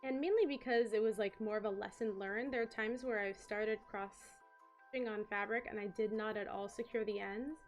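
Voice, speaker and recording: A woman's voice: mid-range voice, fairly even intonation, a little fast, faint music behind. A woman streamer chatting casually as she works on a craft. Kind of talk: casual chat while crafting.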